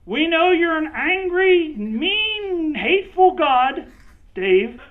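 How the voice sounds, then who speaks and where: A man's voice: very high voice, very animated, takes it slowly, voice pushed up, full character voice. A man voicing Jesus as an intercessor, pleading urgently with an angry father on someone's behalf. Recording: dull lo-fi recording.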